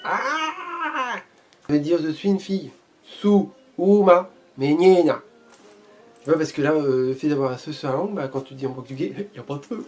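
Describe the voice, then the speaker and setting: In a casual vlog about learning Portuguese, a man jokes and playfully brags while repeating foreign phrases as he tries them. His voice is fairly high with big pitch swings, and he talks fairly quickly over faint music.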